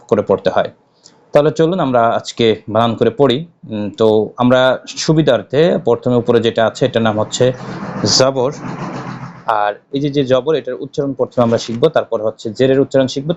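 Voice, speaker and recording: A man teaches Quran recitation, his voice sitting at an ordinary middle pitch. He repeats each point patiently, then drags out each letter slowly and firmly as he spells it aloud. The audio sounds a little dull and lo-fi. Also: darkish tone. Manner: drawn-out, emphatic letter-by-letter recitation with slow stretched syllables; patient, repetitive explaining with frequent pauses.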